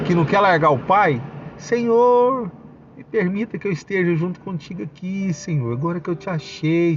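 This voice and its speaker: A man's voice: medium pitch, dull audio. A Brazilian man giving a fervent spoken religious testimony, calling his listeners brothers and breaking into praise. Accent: Brazilian Portuguese. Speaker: church member giving a testimony. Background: noisy motorbikes passing outside.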